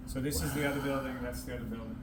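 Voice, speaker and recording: A man's voice: medium pitch, steady tone, rapid-fire, crowd noise. A man giving friends a casual tour indoors, explaining and pointing things out. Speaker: friend showing the hosts around. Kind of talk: casual guided tour talk. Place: indoors in a large building. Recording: roomy, distant, noisy.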